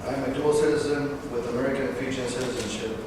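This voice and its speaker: Speaking at a medium pitch in a steady tone, a Northern California man in his twenties, a veteran, reads a personal talk aloud to an audience. Fillers and self-corrections make him halting at times. The hall recording sounds distant and echoey, with background noise.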